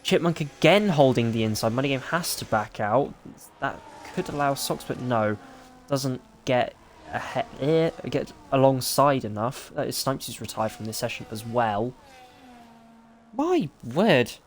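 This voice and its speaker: A man giving excitable, rapid play-by-play as the lead commentator of a live sim racing broadcast. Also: medium pitch.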